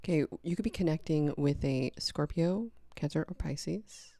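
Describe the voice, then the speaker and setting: A woman doing a casual, chatty tarot reading, animated and breaking into sung-out phrases. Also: low voice, normal speed, dry recording. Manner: chatty, animated, sings out snippets. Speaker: tarot reader.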